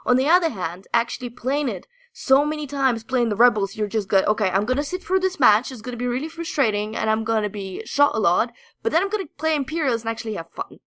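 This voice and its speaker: She talks fast with few pauses, her fairly high, fairly bright voice full of lively intonation, on a dry recording. As a podcast co-host, she rambles hesitantly through a casual conversation about games.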